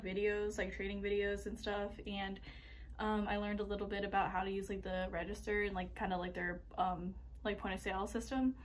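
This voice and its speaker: Chatty young college woman vlogging. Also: medium pitch. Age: 20s. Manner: chatty, filler-heavy, upbeat. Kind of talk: casual vlog chat.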